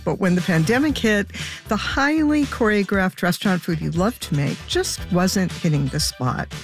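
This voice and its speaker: A woman with a mid-range, animated voice hosts a show, shifting between scripted introductions and conversational interviewing. She speaks at normal speed with faint music in the background.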